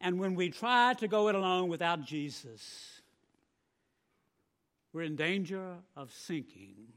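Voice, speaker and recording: Bright-voiced male preacher. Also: sits high, slow. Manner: emphatic preaching with swelling volume and repeated words. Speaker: pastor. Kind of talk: sermon.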